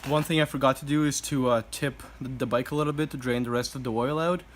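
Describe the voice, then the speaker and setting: A man vlogging casually while he works on a motorbike indoors, talking with a relaxed manner and thinking aloud with fillers. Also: mid-range voice, fast, slight background noise. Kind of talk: casual commentary while working. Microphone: camera mic, handheld then set down.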